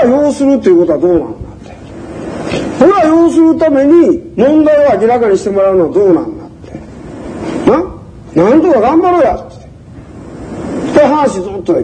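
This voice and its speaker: A man's voice: very high-pitched, a little hiss or hum, low-quality recording. An older man with a Kansai accent telling stories in a lecture, acting out the voices of the people he quotes. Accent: Kansai (Osaka). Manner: animated, acts out voices in quoted dialogue. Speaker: speaker recounting community organizing. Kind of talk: conversational storytelling lecture.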